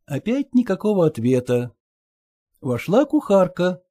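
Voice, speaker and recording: A reader narrating a classic story aloud in a measured way, voicing the dialogue. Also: mid-range voice, big pitch swings, warm tone, dry recording.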